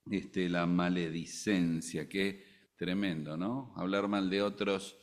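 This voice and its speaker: Deep-voiced older Argentine preacher. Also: male voice, slow pace. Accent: Argentine Spanish. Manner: animated, joking asides, rises to loud emphasis. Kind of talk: sermon.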